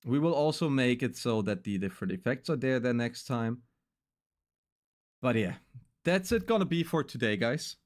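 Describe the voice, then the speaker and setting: A man's voice: medium pitch, lively intonation, moderate pace. A young man signing off his stream with loose, rambling casual talk, full of fillers.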